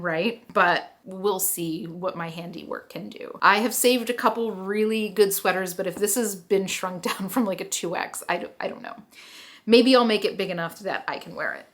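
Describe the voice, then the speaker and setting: A woman's voice: mid-range voice, fairly bright tone. A woman with a Philadelphia accent chatting casually to camera about thrifted clothes she plans to resell, enthusiastic and full of "like" and "you know". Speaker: reseller vlogger. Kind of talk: casual haul chat to camera.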